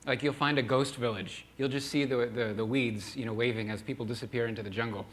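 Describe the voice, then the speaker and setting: A man's voice: medium pitch, steady tone, fast talker, fairly bright tone. A male preacher telling a mission story in a sermon, earnest, often restarting with repeated words.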